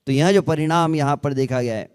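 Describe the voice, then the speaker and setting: A man giving a devotional discourse who asks rhetorical questions and slows into sung chanting of verses. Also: fairly high pitch, a little mellow, clean tone, big-room sound. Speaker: ISKCON speaker.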